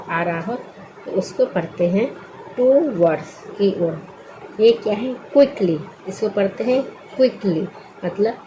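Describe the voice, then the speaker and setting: A woman's voice: mid-range voice, noisy background. A woman teaching English spelling word by word, patiently asking questions and answering them herself. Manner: patient, asks and answers her own questions. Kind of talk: slow spelling lesson.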